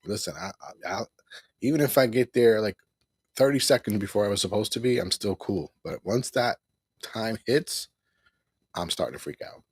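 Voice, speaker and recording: This middle-aged man hosts a casual live broadcast from home, repeating himself, rambling and chuckling a lot. He speaks at normal speed in an expressive, low, husky and gravelly voice that moves up and down widely, and the sound is dry and close.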